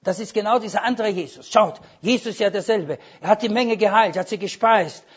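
A man's voice: high-pitched, brisk, slightly rough. A man preaching a sermon with emphasis, quoting scripture and dropping wry asides. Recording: dull lo-fi sermon recording.

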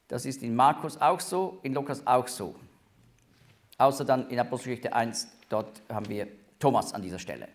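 A man's voice: medium pitch, normal speed. A man teaching a Bible study, explaining names and passages with emphatic rises.

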